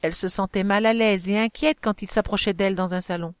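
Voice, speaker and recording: A woman's voice: mid-range voice, clean tone, no room sound. Woman narrating a classic novel, dry sound. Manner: measured, expressive reading. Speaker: audiobook narrator.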